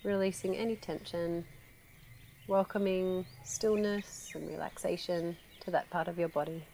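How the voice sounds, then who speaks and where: A woman guiding a relaxation meditation, speaking slowly and softly with long pauses. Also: fairly low pitch, creaky, slight background noise. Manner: slow, soft, calm with long pauses. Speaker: meditation guide.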